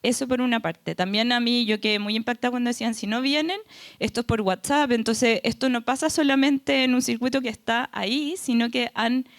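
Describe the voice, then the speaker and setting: A woman's voice: on the high side, a little fast, no room sound, clean studio sound. A woman speaking on a panel for a foundation, earnest and explanatory, often checking in with the audience. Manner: earnest, tag questions like "¿ya?". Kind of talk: panel talk.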